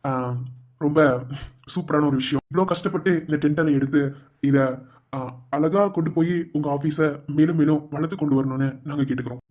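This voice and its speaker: A man's voice: a little high, darkish tone, dull audio, lightly acted. A man voicing a formal official who runs a tender auction in a cartoon, announcing the bids. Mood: polite. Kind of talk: cartoon voice acting.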